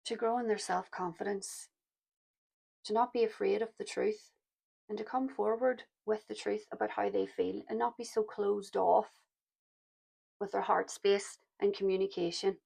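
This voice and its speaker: Croaky gravelly-voiced woman. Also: mid-range voice, fairly even intonation, normal speed. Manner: soft-spoken, reflective, addresses listeners as "my loves". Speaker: tarot reader. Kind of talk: pick-a-card tarot reading to camera.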